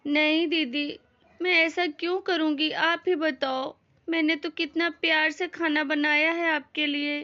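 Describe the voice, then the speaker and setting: A woman's voice: high voice, fairly even intonation, measured pace. Woman playing a meek pleading daughter-in-law. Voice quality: pleading, tearful. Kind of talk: Hindi family drama acting. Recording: dull lo-fi audio.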